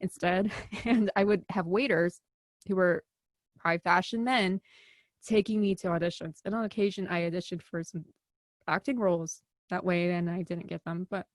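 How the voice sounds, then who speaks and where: A young woman from the American Midwest speaks with a Chicago accent, her voice lowish and her pace moderate, with no echo. She's an actor appearing as an interview guest, chatting casually, laughing often, and filling her talk with plenty of fillers.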